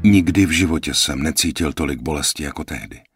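A man calmly reading a first-person audiobook in a measured, reflective way. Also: a bass voice, over music. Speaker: audiobook narrator.

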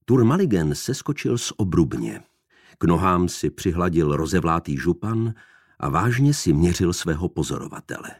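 A man reads a literary novel aloud in a measured, expressive manner. His voice is deep and moves widely in pitch. The recording is close and dry. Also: no echo. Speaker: audiobook narrator. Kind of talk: literary narration.

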